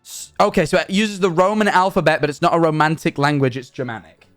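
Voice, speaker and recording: A young man streaming live, chatting in a rambling, animated, self-mocking way. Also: fairly high pitch, fast talker, soft background music. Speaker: livestreamer. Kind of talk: casual stream chat.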